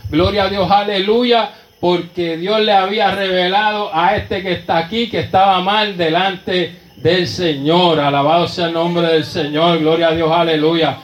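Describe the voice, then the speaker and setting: A man's voice: sits high, fairly even intonation, a little slow, roomy sound, rough recording. A man with a Puerto Rican Spanish accent preaching a sermon testimony in a church, fervent and constantly breaking into praise. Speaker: pastor.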